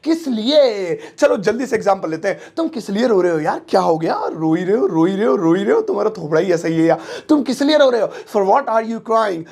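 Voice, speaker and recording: Male English tutor, gravelly tone, jokey and chatty, spells out phrases slowly. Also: high-pitched, animated, a little mellow. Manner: joking, chatty, slangy teasing asides. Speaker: English teacher. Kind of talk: casual spoken-English lesson.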